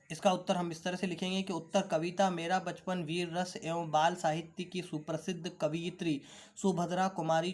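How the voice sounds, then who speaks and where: A man teaching an online class, slowly reading out and explaining textbook answers. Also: on the high side. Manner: carefully repeats words for pronunciation drill.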